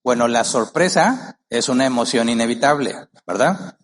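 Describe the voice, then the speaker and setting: A man's voice: medium pitch, animated, moderate pace. A male pastor preaching a sermon, emphatic, firing rhetorical questions at the congregation and acting out quoted voices. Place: church.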